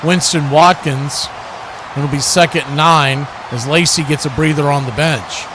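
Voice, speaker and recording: Over a constant, clearly audible background noise, a high-voiced male sportscaster narrates a football game live. He keeps a measured pace, with clipped phrases that follow the action.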